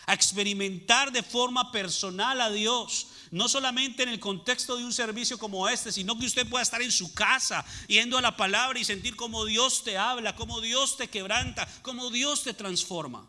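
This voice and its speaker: A man's voice: very high-pitched, normal speed, few pauses, pushed and bright. A man preaching a sermon as pastor, asking the congregation rhetorical questions and answering them. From Latin America.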